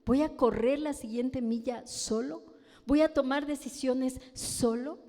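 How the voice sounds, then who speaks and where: A pastor's wife with a high but dark-toned voice preaches at a measured pace, emphatic and with a Mexican Spanish accent. She often poses questions to the congregation, and the church hall gives her a long reverb.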